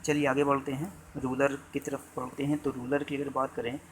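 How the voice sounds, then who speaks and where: Man teaching exam-prep, dictating slowly. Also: mid-range voice, level tone, slight background noise, rough recording. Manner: addresses students as "बच्चों", repeats and dictates slowly. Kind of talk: exam-prep lecture with memory tricks.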